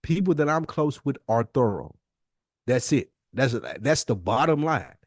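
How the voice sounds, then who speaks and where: An American man with a mid-range voice co-hosts a podcast, speaking in an animated yet slightly slow way. The chat is casual but argumentative, and he's blunt and emphatic, repeating himself to drive his point home. The recording is dry and studio quality.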